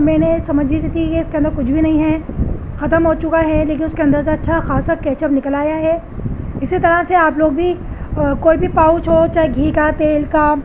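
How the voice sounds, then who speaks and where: A woman's voice: high-pitched, noisy background. A woman giving step-by-step household tips at home. She speaks straight to her viewers, patiently repeating each step.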